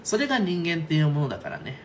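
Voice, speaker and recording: A man coaching singers in a relaxed, talkative way, often pausing to check in with his listeners. His speaking voice sits slightly high and moves up and down in a very animated way. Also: slight background noise. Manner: chatty, frequent "right?" and "okay?" check-ins. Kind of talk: casual online singing lesson.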